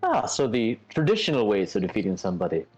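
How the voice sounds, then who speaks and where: A man's voice: lowish voice, wildly swooping pitch, quick pace, a little mellow, breathy edge, faint music behind, poor audio. A man hosting a tabletop role-play and playing his character, speaking politely and inquisitively. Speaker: host and player.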